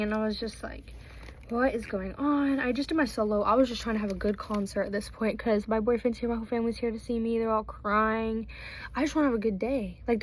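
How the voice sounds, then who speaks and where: A woman's voice: a little high, slight background noise, low-quality recording. A teenage girl chatting casually through a storytime while doing her makeup, rambling with lots of fillers and restarts. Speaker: vlogger.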